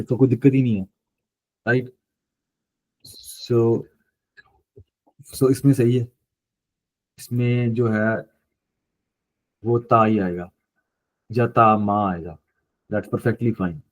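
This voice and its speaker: A young man teaching a French lesson, mixing Hindi and English, explaining slowly and repeating rules to check his students follow. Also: medium pitch, fairly even intonation, darkish tone, low-quality recording. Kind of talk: online language lesson in Hindi-English mix.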